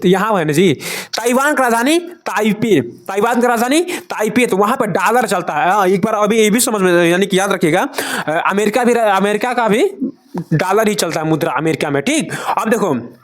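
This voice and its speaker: A male teacher gives a casual lesson, asking questions and repeating each answer, tripping now and then over foreign names. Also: sits high. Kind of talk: casual classroom-style lesson.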